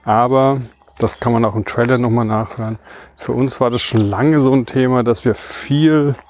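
A man's voice: mid-range voice, steady tone, moderate pace, a little mellow. A man co-hosting a casual podcast, chatting while running outdoors. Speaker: podcast co-host. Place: outdoors, on the move.

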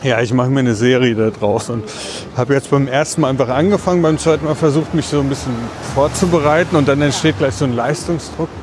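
A man with a mid-pitched voice presents casually on a podcast, pausing to find his words as he walks. Street and vehicle noise is clearly audible around him. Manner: halting, thinking aloud while walking. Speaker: podcast co-host. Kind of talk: casual chat, presenting a topic. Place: outdoors on a city street along a tram line.

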